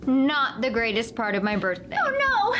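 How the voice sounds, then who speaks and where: A woman playing a sweet, excitable young princess in a campy children's parody, speaking in gushing exclamations. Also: high voice, moderate pace. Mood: dismayed.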